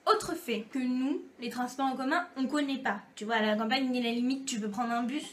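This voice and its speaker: A young French YouTube vlogger with a high voice speaks a little fast in a chatty, playful monologue to camera, acting out little dialogues along the way in a casual comic style.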